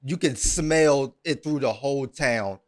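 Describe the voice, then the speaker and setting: A man's voice: medium pitch, measured pace. A man hosting a podcast, retelling a story at length in a casual, earnest way, with many ums and repeated words. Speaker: podcast host.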